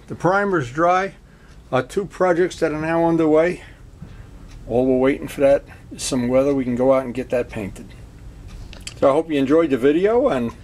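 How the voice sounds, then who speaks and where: A man's voice: mid-range voice, a little mellow. A man chatting casually through a motorcycle DIY project in his garage, rambling with jokey asides. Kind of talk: casual workshop vlog.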